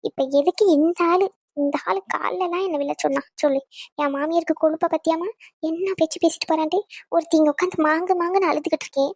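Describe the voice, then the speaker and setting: A scheming young bride from a cartoon sweet-talks her family and rants once they are gone, voiced by a woman. Her voice is very high and she speaks very fast. The recording is dry. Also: dry recording. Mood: ranting. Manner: sweet-talking, sharp-tongued. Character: scheming young bride who fakes tears. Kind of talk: cartoon voice acting.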